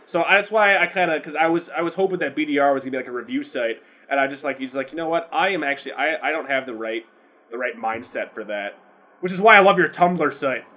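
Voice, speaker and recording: A man hosts a casual, unscripted podcast, rambling in an animated, slangy way with lots of swearing. His voice is a little high and fast.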